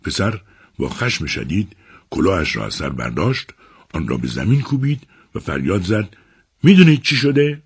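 A man narrating a serialized novel adaptation on a radio book program, with measured, expressive storytelling. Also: extremely low pitch, breathy edge.

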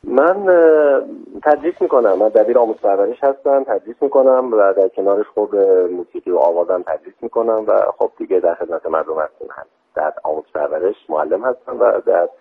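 A man's voice: on the low side, husky. Kermanshahi-accented man on a phone line. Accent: Kermanshahi Persian. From Kermanshah, Iran. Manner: hesitant, many fillers. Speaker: guest singer and music teacher. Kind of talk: radio interview answers.

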